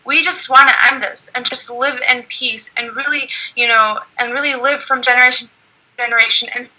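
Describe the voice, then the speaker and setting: A woman speaking earnestly in an online panel discussion, often pausing on "you know". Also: a little high, steady tone, bright, forceful tone, low-quality recording. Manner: earnest, heavy use of "you know" fillers.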